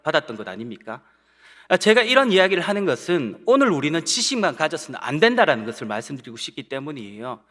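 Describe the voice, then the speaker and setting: Male pastor, fairly high and very animated delivery, earnest sermon voice with long church reverb. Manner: earnest, asks the congregation rhetorical questions. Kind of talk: Sunday sermon. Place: church sanctuary.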